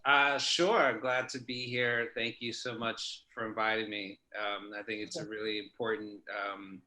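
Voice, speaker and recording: A thoughtful man talks as an interview guest in a bright, forceful voice. His words come over a video call from a room with a noticeable echo. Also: on the low side, flat delivery, a little slow. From New York. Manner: thoughtful, many fillers and restarts. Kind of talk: casual interview talk. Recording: echoey room.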